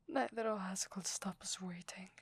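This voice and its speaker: In a soft, hesitant whisper, a woman with an Italian accent plays a tender, secretive werewolf wife for an ASMR roleplay, fully in character. Her mid-range voice is husky, and the clean studio sound has no echo.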